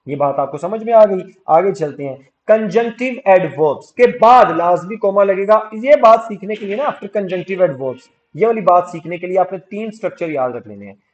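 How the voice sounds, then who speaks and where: A male English teacher gives an exam-prep grammar lecture. His voice sits fairly high, and he slows down to stress each example sentence. The recording sounds dull and lo-fi. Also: expressive.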